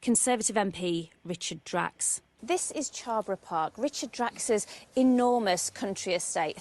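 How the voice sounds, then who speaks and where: A woman TV news reporter delivering a scripted report in a measured, formal way. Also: medium pitch.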